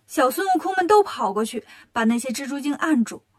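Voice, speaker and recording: A woman narrating a children's story in a lively, expressive way. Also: sits high, brisk.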